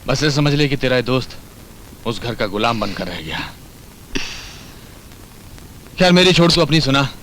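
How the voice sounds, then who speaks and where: An actor playing a timid, henpecked, luckless friend in a Hindi film comedy, flustered and protesting. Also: male voice, mid-range voice, lively intonation, fairly quick, noisy background, close to an everyday voice. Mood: dejected. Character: timid, henpecked, down-on-his-luck male old friend.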